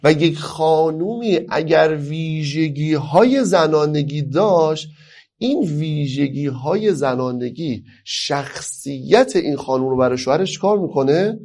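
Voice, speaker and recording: This lecturer, a man from Iran, talks forcefully about family life, raising rhetorical questions only to answer them and lingering on key phrases before speeding up. His pitch is fairly high, his intonation lively, and his tone slightly mellow.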